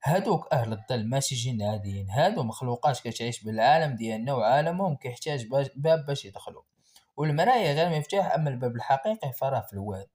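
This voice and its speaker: A man's voice: medium pitch, lively intonation, very fast, close to an everyday voice. A man with a Moroccan accent voicing an old village elder who speaks with a trembling voice. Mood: ominous. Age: older. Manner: trembling, hushed. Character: frightened old village man, grave storyteller.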